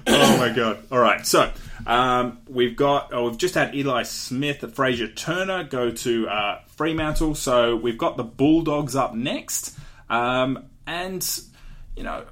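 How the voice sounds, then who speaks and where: A young Australian man co-hosting a podcast talks casually through a draft analysis, using fillers and laughing frequently. His voice is medium-pitched and fairly bright, and he speaks at a slow pace.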